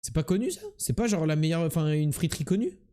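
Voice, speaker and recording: A young man streaming quiz games live, loud and teasing as he talks to his chat. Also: a little high, fast, clean tone.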